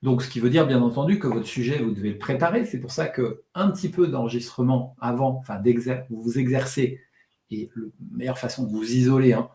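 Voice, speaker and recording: A man coaching public speaking in a live online session. He jumps between his normal voice and exaggerated demonstrations, now shouting, now rushing, now flat. He talks fast and swallows some words, and the room gives off a noticeable echo. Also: medium pitch. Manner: demonstrative, exaggerates loud, fast and monotone delivery for effect.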